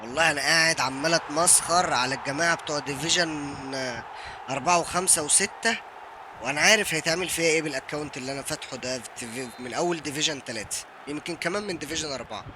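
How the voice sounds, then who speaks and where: A young Egyptian man with an Egyptian accent, live-streaming a football game and giving excited commentary while he taunts his opponent. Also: on the high side, rapid-fire, background noise. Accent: Egyptian Arabic. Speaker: gaming streamer.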